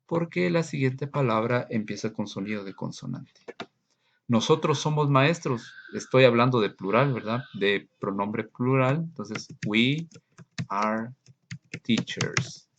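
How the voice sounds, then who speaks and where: A man teaching English grammar in a recorded lesson, slowly and patiently explaining and repeating examples. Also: mid-range voice, muffled recording, slight background noise.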